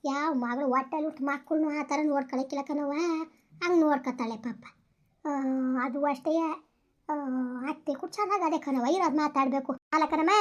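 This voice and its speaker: Brief: a woman playing gossiping village women, quick and chatty, high voice. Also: fairly bright tone. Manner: chatty, exclaiming, repetitive village talk. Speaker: actor in a village skit. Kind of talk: rural comedy skit acting.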